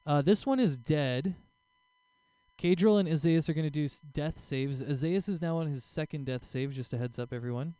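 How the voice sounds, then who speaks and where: A man's voice: fairly high pitch, normal speed, dark tone, clear, resonant tone, no room sound. A man acting as game master, casually narrating a tabletop role-playing game.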